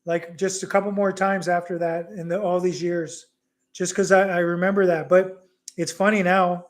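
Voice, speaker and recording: A middle-aged man hosting a casual live Q&A at home, telling a story with animated energy and mixing Bisaya words into his English. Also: high voice, normal speed. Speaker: livestream host.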